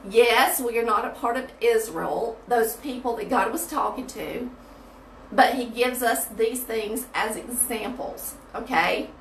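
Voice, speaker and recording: A woman's voice: fairly high pitch, measured pace, far from the mic. A woman leading a folksy, chatty Bible study, her voice ringing hollow off the walls of a small bathroom. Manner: chatty, folksy, talks straight to viewers. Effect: echoing, hollow room sound. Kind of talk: casual livestream Bible study. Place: small tiled bathroom, indoors. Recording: echoey bathroom, off-mic, faint hiss.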